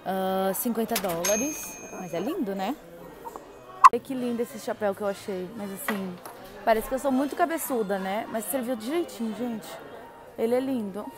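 A young woman from Brazil, a travel vlogger, talks at a normal pace in a mid-range voice. In this casual vlog walkthrough, she chats with viewers and gushes over what she finds in a theme park's indoor gift shops.

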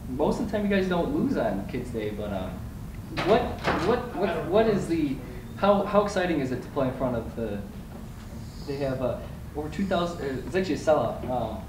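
Halting male reporter, echoey and distant. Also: on the high side, very animated. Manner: halting, restarts questions. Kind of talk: press conference questions. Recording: echoey room, off-mic, noisy.

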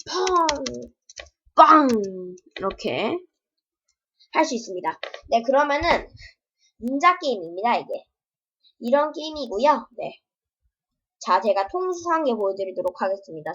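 A woman's voice: on the high side, a bit bright, slightly rough. A woman demoing her own game with casual, playful commentary, full of sound effects and yelps. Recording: dull lo-fi home recording.

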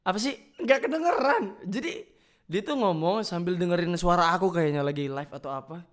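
A man's voice: high voice, a bit bright. A man reacting playfully to fan voice notes in casual chat. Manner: playful, chatty, quick reactions.

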